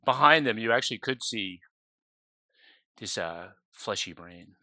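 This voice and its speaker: A man's voice: lowish voice, animated, unhurried, bright, forceful tone, no echo. A man running an online tabletop game as game master, talking loosely with many ums and uhs.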